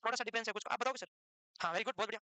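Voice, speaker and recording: Fast, high-voiced, teasing male lecturer. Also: bright, forceful tone, dry recording. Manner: teasing, fires questions at students. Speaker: nursing lecturer. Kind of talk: live classroom lecture. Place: classroom with students.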